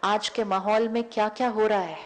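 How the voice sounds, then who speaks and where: A woman's voice: mid-range voice, fairly even intonation, moderate pace. A woman giving a public spiritual lecture, telling everyday stories and acting out both sides of the dialogue, often repeating key words. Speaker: spiritual teacher. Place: lecture hall before an audience.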